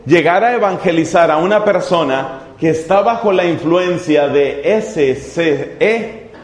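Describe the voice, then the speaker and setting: A man preaching a sermon, speaking deliberately and repeating key phrases for emphasis. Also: on the high side. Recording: echoey hall, long reverb.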